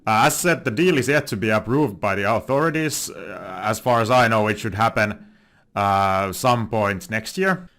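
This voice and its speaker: A man's voice: lowish voice, moderate pace, fairly bright tone. Finnish man hosting a finance commentary. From Finland. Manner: many filler "uh"s and restarts. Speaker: finance channel host. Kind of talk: casual commentary video.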